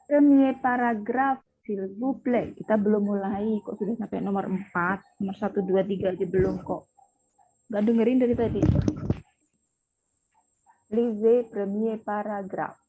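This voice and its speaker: A woman's voice: mid-range voice, fairly even intonation, measured pace, mellow, a little hiss or hum. A woman teaching a French class online, firmly correcting her students' pronunciation and giving instructions. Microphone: video call. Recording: tinny, dry video-call audio.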